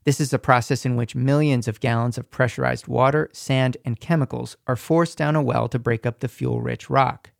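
Gravelly male radio reporter. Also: medium pitch, fairly even intonation, dry recording, studio quality. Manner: measured, descriptive storytelling. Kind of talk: scripted radio feature narration.

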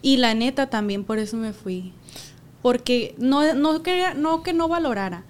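A Mexican woman in a podcast conversation, with a smooth, clear voice that sits fairly high. She speaks earnestly, hunts for her words, and turns to urge the audience directly. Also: animated, normal speed. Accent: Mexican Spanish. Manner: earnest, searching for words, then urging listeners. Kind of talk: casual chat.

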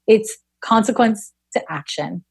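A woman's voice: mid-range voice, unhurried, gravelly, darkish tone, husky. A woman in her forties, an astrologer being interviewed, speaking frankly and bluntly with casual swearing. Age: 40s. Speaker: astrologer guest.

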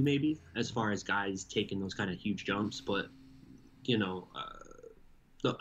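A man's voice: lowish voice, a bit bright, highs cut off. A man co-hosting a sports podcast, talking in a rambling, casual way and laughing now and then. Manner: rambling, restarts, laughs mid-sentence. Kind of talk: casual chat.

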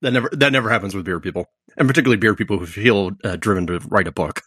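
A man hosting a beer podcast, reading the intro and sponsor spots and chatting with quick, upbeat asides. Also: on the low side, a bit bright, dry recording, clean studio sound. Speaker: podcast host. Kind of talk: casual podcast hosting and read ads.

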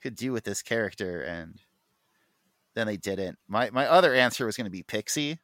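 A man's voice: lowish voice, expressive, moderate pace, fairly bright tone, no room sound, clean studio sound. A man co-hosting a podcast, chatting casually and enthusiastically, full of fillers and restarts. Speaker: podcast co-host. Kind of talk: casual comic book chat.

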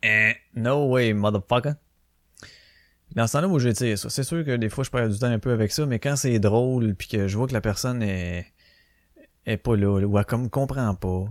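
Alone on his podcast, a man with a Québécois French accent rants loosely and profanely, swearing and slipping into quoted voices for his stories in a casual monologue. His pitch is mid-range and he talks at normal speed. The recording is close and dry, with no room sound.

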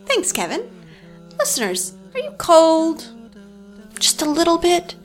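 A silky, sinister corporate host. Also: female voice, very high voice, wildly swooping pitch, measured pace, soft background music, exaggerated voice. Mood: silky menace. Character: smooth, sinister corporate woman running a radio show. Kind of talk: podcast audio drama.

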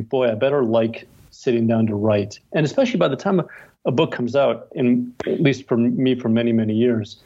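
A middle-aged male novelist, appearing as an interview guest, chats casually and tells anecdotes in a wry, self-deprecating way. His medium-pitched voice is dark and husky, and the recording sounds lo-fi.

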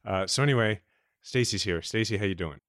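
A man co-hosts a podcast in casual chat, enthusiastic and rambling, interrupting himself with lots of fillers and restarts. His voice is on the low side and brisk, with a slightly bright tone. The recording is dry and of studio quality.

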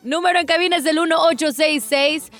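A woman co-hosting a radio show in a fairly high voice, teasing the host and laughing along with the banter. A faint music bed plays underneath. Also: steady tone, fairly quick, a bit bright.

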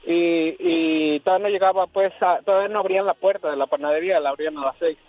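A man's voice: on the high side, fast, no room sound, soft background music. A man telling a story casually on a radio show, acting out the dialogue in it. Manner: animated, acts out dialogue in the story. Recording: dull, muffled radio audio.

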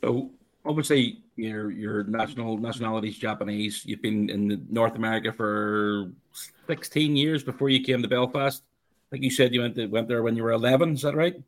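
Man, Northern Irish accent, co-host, mid-pitched, teasing, playful. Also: brisk. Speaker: podcast co-host. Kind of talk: casual sports chat.

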